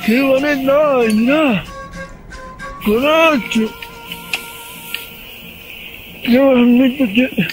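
An actor with a Bolivian Spanish accent playing a stubborn, wheedling village drunk in a film, with a slurred, whiny way of talking. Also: male voice, very high voice, slow, faint music behind, low-quality recording. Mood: delighted. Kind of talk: film acting.

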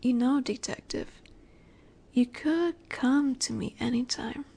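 High-voiced, flirty female mafia boss, acted by a woman. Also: dark tone, heavily acted. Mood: flirtatious. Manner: coy, teasing, deliberate, sometimes breathy. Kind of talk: scripted audio roleplay, addressing the listener.

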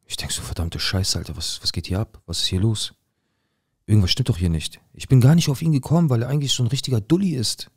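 A young man acting out a rough-talking, paranoid drug dealer who tells his own story in a dramatic monologue full of slang and swearing. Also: medium pitch, sing-song, fast talker, darkish tone, dry recording, clean studio sound. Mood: tense. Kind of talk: dramatic first-person monologue.

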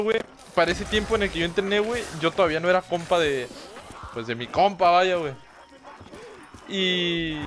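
A young Mexican man in his twenties chats loosely with his stream, piling on slang, swearing and fillers as he rambles through a story. His voice sits a little high for a man, with faint music playing behind him. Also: a bit bright. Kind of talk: casual storytelling to a live chat.

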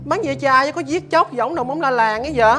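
A cocky young sibling with a Southern Vietnamese accent who brags and talks back with mock exasperation. Her voice sits somewhat high, with faint music behind it. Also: fairly quick, a bit bright. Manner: boastful, retorts with mock exasperation. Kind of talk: rural family TV drama.

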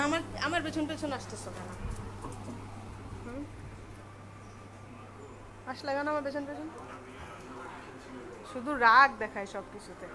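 A woman at home at night, scolding and coaxing her pet in baby talk. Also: fairly high pitch. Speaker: pet owner. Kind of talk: home video, talking to a pet. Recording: noisy home recording with dog sounds. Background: dog barking and whining.

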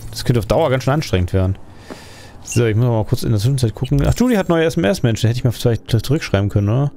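A man's voice: mid-range voice, expressive, fast talker, warm tone, a little hiss or hum. A man giving casual let's play commentary, thinking aloud and asking himself questions as he plays.

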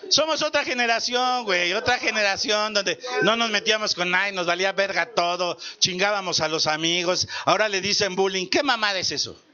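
A man in his fifties with a Mexico City Spanish accent, doing a crude, rapid stand-up comedy set in a beer hall and keeping on asking the crowd to agree. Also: high-pitched, sharp tone. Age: 50s. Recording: lo-fi with clear background noise.

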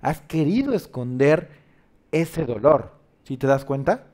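A man's voice: on the high side, big pitch swings, slow, a little mellow. A man, a host counseling a caller on spiritual matters, pressing his points with insistent rhetorical questions. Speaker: host giving spiritual guidance.

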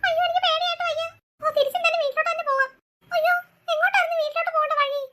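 A woman doing a very high, jumpy little girl. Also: fairly even intonation, racing, pushed and bright, slight background noise. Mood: frightened. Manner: jumpy, frightened muttering to herself. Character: scared young girl alone at night. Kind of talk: cartoon voice acting.

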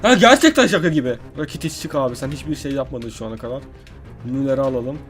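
A young man doing live gameplay commentary as a gaming YouTuber, excitable and swinging from muttering to frustrated outbursts. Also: mid-range voice, fast, over music.

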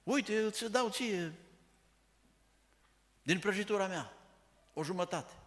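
A man's voice: high voice, fairly bright tone, big-room sound, pitched above the performer's own voice. A man voicing a grown-up visitor who patiently coaxes a crying child with cake. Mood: coaxing. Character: coaxing adult visitor offering cake.

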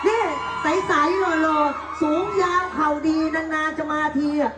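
A stubborn, defiant young son, acted by a woman in live folk theater, teasing and indignant by turns. The voice is high and echoes across an outdoor temple stage. Loud music and a crowd sound behind it. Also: steady tone, takes it slowly.

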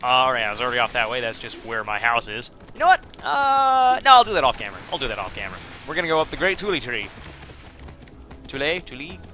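A man's voice: medium pitch, huge pitch swings, fast, few pauses, bright, forceful tone, a little hiss or hum. A man giving casual, rambling commentary while playing a video game, full of fillers and self-deprecating asides. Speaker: let's play host.

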